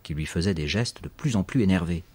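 A man narrating an audiobook, reading expressively and slowing to spell out words. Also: low-pitched, expressive, a little mellow, breathy edge.

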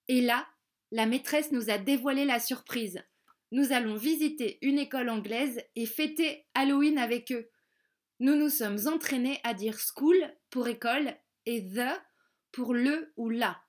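Slow, clear woman storytelling for kids. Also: a little high. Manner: clear, slow, carefully articulated. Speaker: narrator and English teacher for children. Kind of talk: children's storybook narration with pronunciation lessons.

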